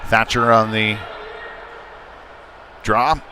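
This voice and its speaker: Speaking extremely slowly in a lowish voice with fairly even intonation, a male commentator gives live play-by-play of an ice hockey game. He talks conversationally, as if musing aloud, and the broadcast from the indoor rink is noisy.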